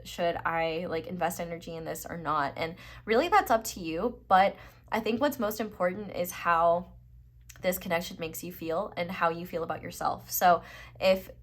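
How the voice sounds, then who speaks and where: A young woman chatting casually through a tarot reading, filling her talk with "like" and "I feel like". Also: medium pitch. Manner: chatty, many "like" and "I feel like" fillers. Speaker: tarot reader.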